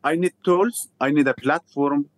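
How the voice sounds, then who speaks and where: Speaking with an Afghan accent and a fairly high pitch, a refugee theatre founder shares his story as an interview guest. His English is simple, non-native, and halting, with repeated phrases, and the recording is dry.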